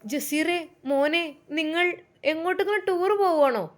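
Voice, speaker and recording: A woman voicing an anxious, emotional middle-aged mother in a storybook tale. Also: moderate pace. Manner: anxious, pleading, high-strung.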